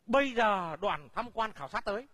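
An actor playing a pushy village official in a stage comedy sketch, scolding and giving orders. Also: male voice, sits high, animated, moderate pace, a bit bright. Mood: lecturing.

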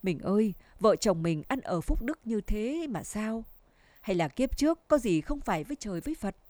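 A woman's voice: mid-range voice, sing-song, moderate pace, a little mellow, dry recording, natural voice. A woman reading the lines of a sorrowful middle-aged village wife who laments her fate. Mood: lamenting.

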